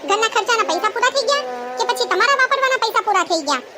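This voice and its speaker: A bossy, sharp-tongued young wife from a cartoon, played by a woman, scolding and taunting. Her voice is very high and piercing. A hissing background runs under it. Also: animated, quick pace. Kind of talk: cartoon voice acting. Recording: noisy background hiss.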